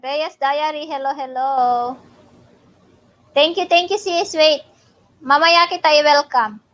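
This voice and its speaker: A woman with a Filipino accent hosting a livestream, casually greeting viewers in an excited, exclamatory way. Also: high-pitched, a little slow. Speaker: livestream host. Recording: clearly noisy livestream audio.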